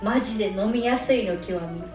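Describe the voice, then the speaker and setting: A woman's voice: medium pitch, fairly quick, distant mic. A drunk woman in her twenties having a casual chat with a friend. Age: 20s. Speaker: vlogger. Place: small living room, on a sofa. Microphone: camera a few metres away. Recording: echoey room, off the mic, music behind.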